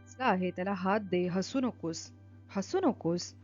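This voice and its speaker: Lady reading a torn, brooding teacher guy, low inward voice, dull lo-fi sound with faint music behind. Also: measured pace, darkish tone, natural voice. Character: brooding middle-aged male schoolteacher, inwardly torn.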